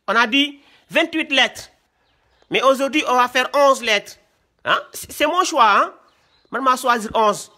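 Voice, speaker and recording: A teacher from Senegal with a strikingly high, bright voice. He speaks very slowly and repeats each point, often checking in with his class. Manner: slow and repetitive, often checks with "hein?". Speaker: Quran teacher. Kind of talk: classroom lesson.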